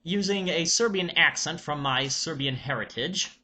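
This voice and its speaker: A man talking casually as a video reviewer, halting and deliberate, with frequent pauses. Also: on the high side, sharp tone. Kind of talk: casual vlog announcement.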